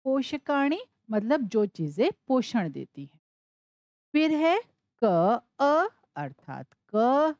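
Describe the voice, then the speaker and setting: Woman teacher, higher voice, slow patient spelling-out, dry close sound. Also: big pitch swings, darkish tone, dry recording, highs cut off. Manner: spells words out slowly letter by letter, asking and answering her own questions. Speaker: Sanskrit teacher. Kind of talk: classroom explanation.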